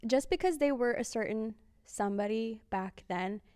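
A woman's voice: on the high side, moderate pace, a little mellow, clean tone, dry recording, studio quality. A young woman chatting casually as a podcast co-host. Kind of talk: casual chat.

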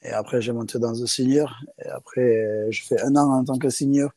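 Speaking a little fast in a warm, steady mid-range voice, the South African rugby player being interviewed stumbles through his second-language French with plenty of fillers and restarts. It's a casual chat, and the recording is dry.

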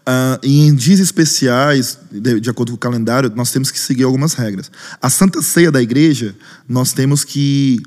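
A man's voice: mid-range voice, normal speed, long reverb tail. A man, a pastor and worship leader, telling a story in a podcast interview and acting out other people's lines. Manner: lively, acts out other people's lines in raised voices.

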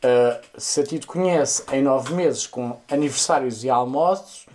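A man's voice: medium pitch, measured pace, a little mellow. A man with a European Portuguese accent co-hosting a casual comedy podcast, reading a listener's email aloud with camp, sassy asides and frequent swearing. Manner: camp, sassy, swears freely, dramatic exclamations. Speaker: podcast co-host.

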